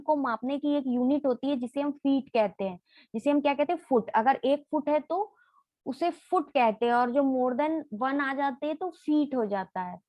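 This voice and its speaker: High-voiced woman teaching with repeated questions. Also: no echo, lo-fi sound. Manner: repeats each point as a question and then answers it. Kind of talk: exam-prep lesson in Hindi mixed with English.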